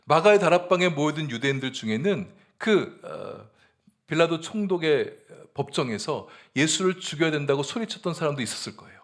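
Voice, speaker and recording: A man's voice: fairly high pitch, animated, a little fast. A male pastor giving a Sunday morning sermon, earnest and explanatory, sometimes voicing the people in his stories. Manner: earnest preaching, acts out quoted voices with rising emphasis.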